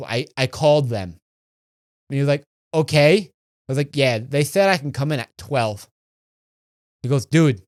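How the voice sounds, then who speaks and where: A man's voice: fairly high pitch, no room sound, clean studio sound. A young man in his twenties, a podcast co-host telling a rambling, profane story in casual chat.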